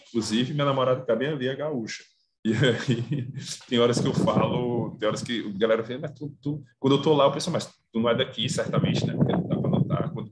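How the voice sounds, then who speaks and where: A man from Northeast Brazil tells stories in a relaxed, slangy, animated way on a video call. His voice sits at a middle pitch. Loud background noise runs under the whole call. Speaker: academic presenter. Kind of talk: casual chat on a video call.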